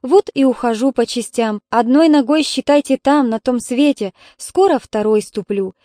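A woman's voice: a little high, normal speed, dark tone, no echo, studio quality, close to an everyday voice. A woman voicing an old grandmother, a retired nurse, stubborn and tearful, speaking in a pleading, plaintive way. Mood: resigned.

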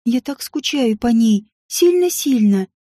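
A woman voicing a lonely, gentle little princess girl who speaks in an earnest, childlike way. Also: fairly high pitch, expressive, measured pace, slightly rough, no room sound, clean studio sound. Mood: wistful, sad.

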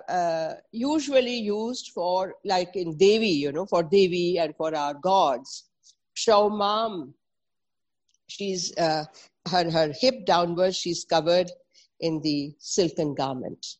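Speaking slowly in a voice on the low side, a middle-aged presenter with a North Indian accent explains traditional Indian textiles in an informal talk. She teaches didactically, switching between English, Hindi and Sanskrit and spelling out and repeating key terms.

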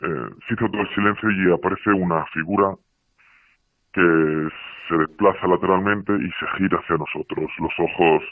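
Man, disguised through a voice changer: very deep, tinny and narrow, dry and close, halting delivery. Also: fairly even intonation, no room sound. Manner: hesitant, halting, many fillers. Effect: voice distorted to hide identity. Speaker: guest witness. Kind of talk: telling his own story on radio. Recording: narrow tinny phone-like sound.

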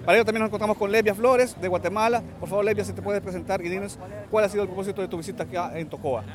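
Male radio field reporter, high voice, fast announcer delivery, outdoors with traffic. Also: fairly even intonation, crowd noise. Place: outdoors at a street march.

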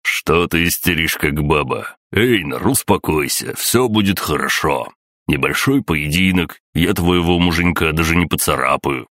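A man's voice: extremely low pitch, animated, unhurried, fairly bright tone, no echo, studio quality, full character voice. A man reading an audiobook, voicing a brash, boastful male viking warrior with a mocking, swaggering manner.

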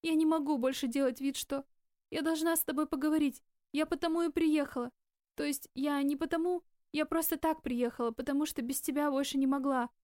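A woman's voice: high voice, steady tone, brisk, a little mellow, no room sound, studio quality, close to an everyday voice. A woman voicing a tearful, anxious young woman who pleads in an audiobook. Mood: pleading.

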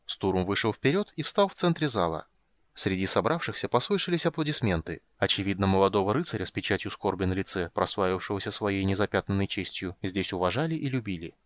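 A man narrating a fantasy audiobook in an expressive storytelling manner. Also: low voice, fast. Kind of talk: scripted narration.

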